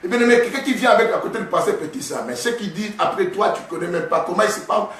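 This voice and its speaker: Bishop guy preaching loud, high voice, super echoey hall, kinda far off. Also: rapid-fire. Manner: emphatic, often shouting, repeats "beloved". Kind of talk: sermon.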